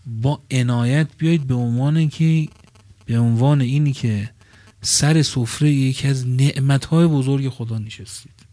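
A man giving a religious sermon at a gathering under a tent. He moves from quiet asides to loud, stressed phrases and slows down to draw out key words. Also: medium pitch, no room sound. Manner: swings between soft asides and loud emphatic phrases, drawing out key words slowly. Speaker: preacher.

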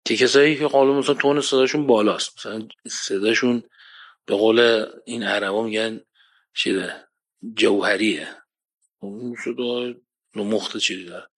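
A man giving an emphatic religious talk. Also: breathy edge. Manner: lively, rises to emphatic points then drops low; quotes Arabic verses. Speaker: preacher. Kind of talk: religious lecture.

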